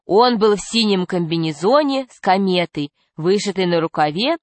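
A woman reading a children's story aloud, narrating calmly and clearly. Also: medium pitch, moderate pace, no echo. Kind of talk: storybook reading with character voices.

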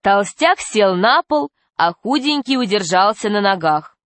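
A woman reading a children's story aloud, narrating calmly and clearly. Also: mid-range voice, unhurried, no echo. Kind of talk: storybook reading with character voices.

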